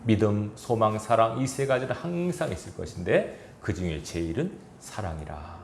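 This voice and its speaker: Male pastor, low gravelly voice, lively preaching, echoey church hall. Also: moderate pace, a little hiss or hum. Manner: earnest, exhorting, with chuckles and quoted asides. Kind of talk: sermon. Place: church sanctuary.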